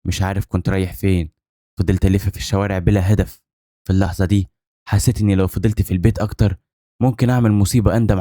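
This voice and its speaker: A man's voice: deep voice, warm tone, no room sound, clean studio sound. A man with an Egyptian accent narrating a dramatic first-person story, intense and brooding. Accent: Egyptian Arabic.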